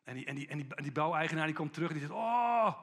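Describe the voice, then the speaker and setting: A man preaching a sermon with animated storytelling, acting out the people he quotes. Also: fairly high pitch, very fast, husky.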